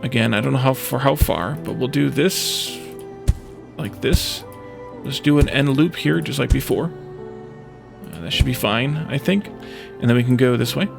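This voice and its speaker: A man hosts a let's play, giving casual gameplay commentary as he thinks aloud, musing and tentative, as if talking to himself. His mid-range voice is gravelly and moves at a normal speed, with music behind it.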